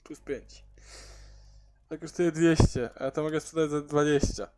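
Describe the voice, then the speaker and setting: A man giving casual gameplay commentary as a let's player, muttering to himself in a halting way. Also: a little high, steady tone, noisy background.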